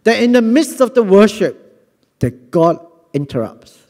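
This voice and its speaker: Middle-aged Singaporean-accented male preacher, earnest and animated, handheld mic in a reverberant church hall. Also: high voice, a little slow. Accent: Singaporean English. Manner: earnest, animated, repeats words. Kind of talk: sermon. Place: large church hall on a stage.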